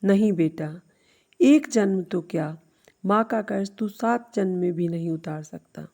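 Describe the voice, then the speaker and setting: A woman's voice: on the low side, measured pace, vocal fry, heavily acted. Woman voicing a patient aging mother. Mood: reproachful. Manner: calm and gentle.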